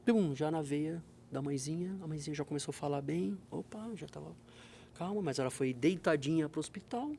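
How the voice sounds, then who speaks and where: A man's voice: a little high, fairly quick, vocal fry, a little hiss or hum. A man who is a fire brigade major, being interviewed and telling emergency stories, acting out the dialogue vividly. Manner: animated storyteller, acts out dialogue. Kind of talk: conversational interview, storytelling.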